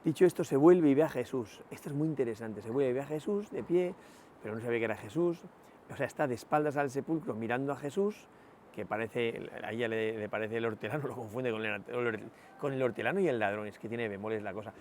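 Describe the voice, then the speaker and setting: Reflective priest. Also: male voice, mid-range voice, a little fast, darkish tone, a little hiss or hum. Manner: reflective, many rhetorical "¿no?" asides and hesitations. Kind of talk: spoken meditation, sermon.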